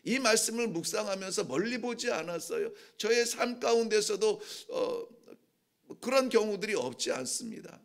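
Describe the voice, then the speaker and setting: A man preaches an early-morning sermon with a high, gravelly voice. His talk is conversational and earnest, and he slips into the voices of the people who plead in his text. The rasp of his high voice runs through every line. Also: expressive, normal speed. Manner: conversational preaching that acts out heartfelt pleas in voices. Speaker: pastor.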